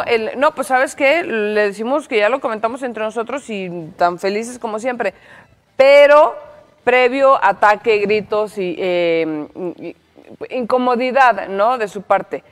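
A woman's voice: fairly high pitch, expressive, measured pace, in a large hall. A woman with a Mexican accent giving casual, opinionated commentary on a reality show, chatty with many restarts. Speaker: entertainment commentator.

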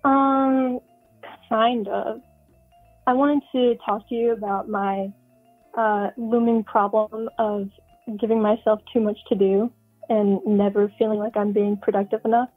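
An eighteen-year-old woman calls in over the phone, her voice squeezed thin by a tinny line. She talks casually and chattily, pausing on ums and starting her sentences over. Faint music plays somewhere behind the call. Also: mid-range voice, level tone. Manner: chatty, hesitant with ums and restarts. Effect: heard over the phone. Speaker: caller. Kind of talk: casual chat.

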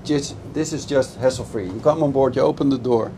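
On a moving motorboat, a middle-aged man who sells boats gives a casual, enthusiastic review, explaining the boat in a mid-range voice at a fairly quick pace. He speaks over the engine, and loud engine and wind noise, along with water sounds, run beneath all his speech.

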